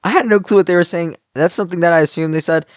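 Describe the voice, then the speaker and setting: Rapid-fire and on the high side, a young male vlogger in his late teens rambles casually through a story, leaning on "like" and frequent restarts. There's no room sound, and his voice is a little worn from cheering.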